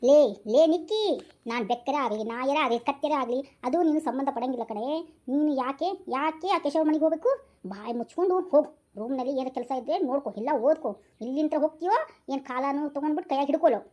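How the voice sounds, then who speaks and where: A woman's voice: high-pitched, fast talker, a little mellow, natural voice. A woman voicing a stern middle-aged village mother who scolds her daughters, with a North Karnataka Kannada accent. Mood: scolding. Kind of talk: homemade village drama.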